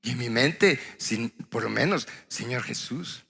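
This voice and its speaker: A man's voice: mid-range voice, animated, a little slow, gravelly, pushed and bright, slightly rough. A male pastor, preaching in a conversational, storytelling way and acting out quoted conversations. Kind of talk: sermon. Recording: long hall reverb.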